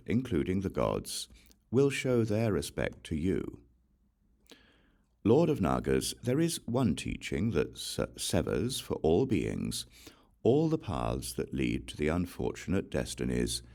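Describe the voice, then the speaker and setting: For this audiobook, a man reads scripture in a measured, solemn way, his remarkably deep voice rough with gravel. Lively rises and falls in pitch give each phrase expression.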